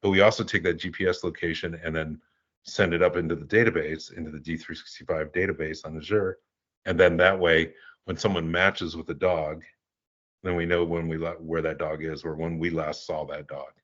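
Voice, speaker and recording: An older man, a guest in an interview, telling stories casually and rambling with halting restarts. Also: low voice, flat delivery, a bit bright, highs cut off. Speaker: guest, animal relief volunteer.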